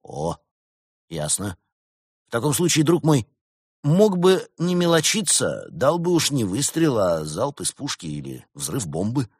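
A man's voice: medium pitch, huge pitch swings, measured pace, a little mellow, breathy edge, dry recording, studio quality, voice pushed up, exaggerated voice. A man voicing a sarcastic, wisecracking male cat with an ironic, mocking manner.

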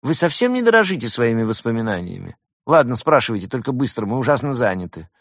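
A man's voice: medium pitch, very animated, quick pace, fairly bright tone, dry recording, clean studio sound, pitched above the performer's own voice. A man voicing a pompous wolf trader who poses as a great demon wizard and pushes souvenirs. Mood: wheedling. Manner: boastful, fussy, pushy salesman.

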